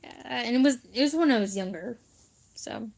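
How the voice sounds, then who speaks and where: Her voice is a little high and gravelly yet slightly mellow, animated and delivered at a moderate pace. The young woman, a vlogger, tells her viewers childhood stories in a casual chat, laughing frequently and using plenty of filler words.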